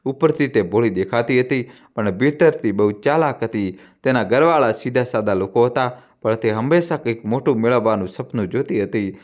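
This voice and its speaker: Old man figure, grave and secretive, slow hushed delivery, played by the narrator. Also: mid-range voice, lively intonation, natural voice.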